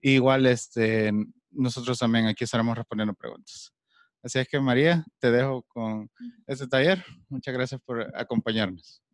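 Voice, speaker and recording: A man in his thirties hosts the session, introducing the guest in an informal, halting way with fillers. His voice sits at a middling pitch and sounds dry and close on a handheld mic, even though he stands in a large library hall. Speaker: host. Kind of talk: introducing a speaker.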